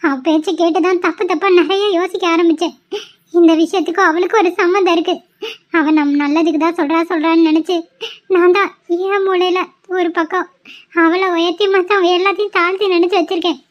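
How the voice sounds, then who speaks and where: A squeaky, very high-voiced young pregnant wife in a cartoon, as a woman acts her out. She pleads and scolds in an emotional, tearful way. The sound is dull and lo-fi. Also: fairly even intonation, fairly quick. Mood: tearful pleading. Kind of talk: cartoon voice acting.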